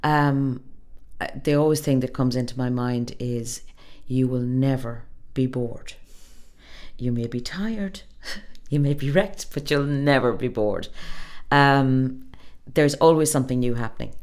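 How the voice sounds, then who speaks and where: A middle-aged woman with a west of Ireland accent giving thoughtful, conversational interview answers, pausing to find her phrasing. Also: very deep voice, a little mellow. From Galway, west of Ireland. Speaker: interview guest, public relations professional.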